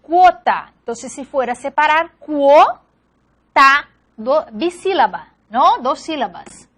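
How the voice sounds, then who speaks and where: High-voiced woman teaching slowly. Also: big pitch swings. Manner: patient, checks in with repeated reassurances. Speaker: language teacher. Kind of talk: classroom lecture.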